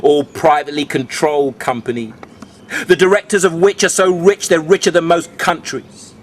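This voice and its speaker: High-pitched man reciting cool beatnik poetry. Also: moderate pace, a little hiss or hum. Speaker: spoken-word poet. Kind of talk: rhyming stand-up beat poetry performance.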